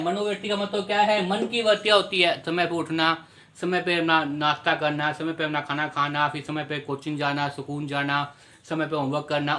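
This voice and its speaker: A man teaching a class, his voice bright and forceful and sitting a little high. He keeps posing questions to his students and answering them himself, restating each point in several ways. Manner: repetitive, explanatory teaching tone. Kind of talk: Hindi class lecture.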